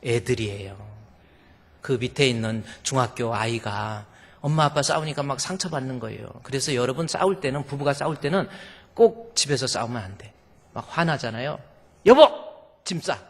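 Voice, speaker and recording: Animated pastor preaching in a reverberant hall. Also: male voice, mid-range voice, moderate pace. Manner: animated, acts out quoted voices with humor. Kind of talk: sermon. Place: church sanctuary.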